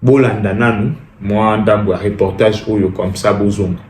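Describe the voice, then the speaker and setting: A man's voice: lowish voice, fairly even intonation, moderate pace, echoey room, background noise. A Congolese man commenting emphatically, repeating phrases and switching between languages. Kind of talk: impassioned spoken commentary.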